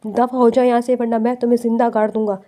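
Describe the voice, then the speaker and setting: A woman's voice: a little high, flat delivery, close to an everyday voice. A woman reading the lines of a proud, hot-tempered middle-aged businessman in an audiobook novel. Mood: furious. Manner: bewildered, then furious and shouting.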